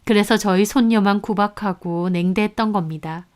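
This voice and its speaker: A woman narrating a first-person family story in a calm, confessional storytelling manner. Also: medium pitch, normal speed.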